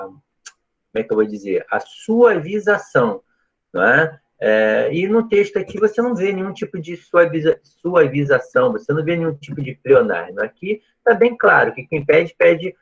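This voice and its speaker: A man's voice: on the high side, a bit bright, breathy edge, highs cut off. A man teaching a live online Portuguese grammar lesson, explaining step by step and often checking that students follow. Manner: explanatory, asks frequent checking questions.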